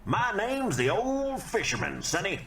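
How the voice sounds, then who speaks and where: Slightly distant, echoey game sound carries a gruff old fisherman with a folksy manner. His voice is bright and forceful, leaping wildly up and down as he talks like an excitable old-timer in a cartoonish video game. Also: sits high, unhurried, a little hiss or hum, heavily acted. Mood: folksy, excited. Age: older. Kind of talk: video game character dialogue.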